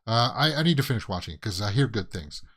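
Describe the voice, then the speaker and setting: A man's voice: fairly low pitch, animated, fast, fairly bright tone. A Canadian man hosting a casual movie news show, rambling through headlines with plenty of fillers and restarts. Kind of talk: casual solo commentary.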